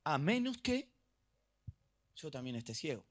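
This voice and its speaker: A middle-aged man with an Argentine accent preaching a sermon, dramatic, going from soft asides to loud emphatic bursts. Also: fairly high pitch, unhurried. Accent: Argentine Spanish. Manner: animated preaching, acting out little dialogues, swinging from soft to loud. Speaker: pastor.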